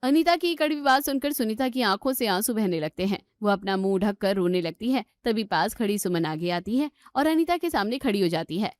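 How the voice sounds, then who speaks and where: A woman narrating a cartoon story in a steady, scripted way. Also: medium pitch, brisk, hardly any pauses, no echo.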